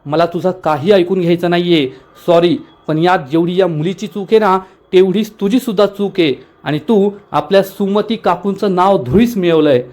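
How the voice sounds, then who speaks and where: Scornful domineering woman boss, read by a man, high voice, scolding. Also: normal speed, few pauses, a little mellow, close to an everyday voice. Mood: angry scolding. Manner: angry, scolding, taunting.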